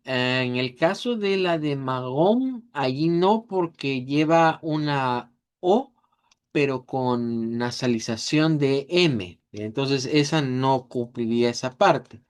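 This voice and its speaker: Slow, patient language teacher. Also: medium pitch, smooth. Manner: patient, explains step by step; repeats words slowly to model pronunciation. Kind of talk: online language lesson.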